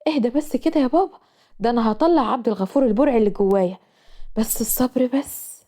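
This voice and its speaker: A woman's voice: a little high, fast talker, mellow, lightly acted. A woman voicing a sulky young female student with an Egyptian accent, complaining dramatically. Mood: whiny. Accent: Egyptian Arabic. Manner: whiny, exaggerated complaining.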